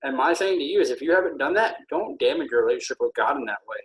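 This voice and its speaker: A man who is feeling ill, a military veteran speaking earnestly and haltingly with many pauses in a casual podcast conversation. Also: mid-range voice, expressive, low-quality recording.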